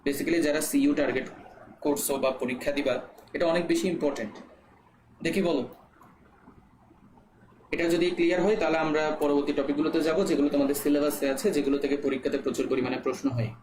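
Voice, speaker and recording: A man's voice: on the high side, fairly even intonation, fast talker, pauses often, a little mellow. Man, young adult, chemistry tutor, step-by-step explaining, checks on students, roomy echo. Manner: explains step by step, checks students' comments, frequent "ঠিক আছে?". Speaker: chemistry teacher. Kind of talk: live online class lecture. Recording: echoey room with faint background noise.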